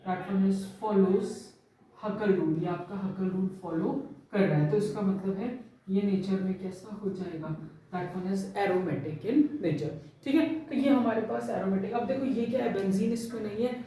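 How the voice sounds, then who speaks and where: A woman's voice: mid-range voice, unhurried, warm tone, recorded from a distance. Woman teacher in an echoey room. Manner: explains step by step, checks understanding with frequent "theek hai". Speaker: chemistry teacher. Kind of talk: classroom lecture mixing Hindi and English.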